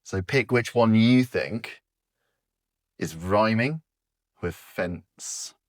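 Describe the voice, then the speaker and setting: A man leads a guided therapy exercise in an unhurried, patient way, leaving room after each prompt. His voice sits fairly low. The recording is close and dry, with no room sound. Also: no echo. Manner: slow, patient, encouraging, with pauses. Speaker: speech therapist.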